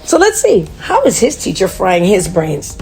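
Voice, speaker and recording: A woman reads a chapter book aloud to young listeners, chatting with them between the pages. Her voice sits in a middle register and stays lively. Faint music plays softly behind her. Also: medium pitch, normal speed. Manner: chatty, animated, talking to children. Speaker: children's book reader.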